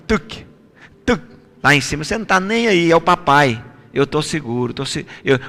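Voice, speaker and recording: A male pastor preaching a sermon with fervor, shifting between loud exclamations and soft, intimate asides. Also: fairly high pitch, big-room sound.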